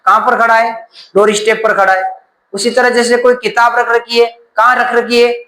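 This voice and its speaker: A man's voice: extremely high pitch, little pitch movement, moderate pace, pushed and bright, echoey room, poor audio. A man teaching a grammar class, asking questions and then answering them himself.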